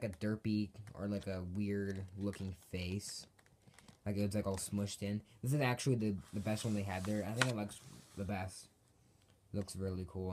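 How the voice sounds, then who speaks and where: On his own channel, a man reviews Halloween props off the cuff, rambling, repeating himself and correcting as he goes. His voice is fairly low and a little mellow. It's an amateur home video with background noise.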